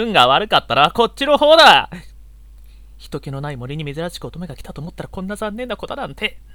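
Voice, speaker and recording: A man playing a gentle, easily exasperated young male unicorn in an audio drama role-play, with a polite, boyish, flustered manner. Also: sits high, dry recording, clean studio sound. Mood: flustered, indignant.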